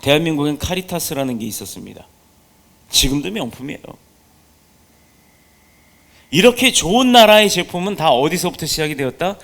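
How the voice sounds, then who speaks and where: Male pastor, sermon, high voice, emphatic, poses rhetorical questions. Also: expressive, quick pace, vocal fry, fairly bright tone.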